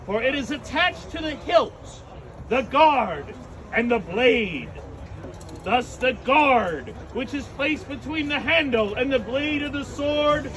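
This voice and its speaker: Solemn, high-voiced man slowly officiating a knighting. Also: fairly bright tone, a little hiss or hum, poor audio. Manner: solemn, regal knighting address. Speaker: ceremony officiant. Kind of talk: formal ceremonial recitation.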